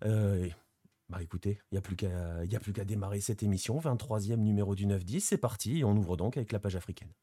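A man's voice: on the low side, fast talker, dark tone, a little hiss or hum. A man hosting a casual football show, rambling with many fillers and still with a sore throat after an illness. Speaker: host.

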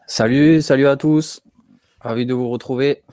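A man, a regular columnist on a casual football show, talking in a relaxed, chatty way. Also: mid-range voice, normal speed, no room sound.

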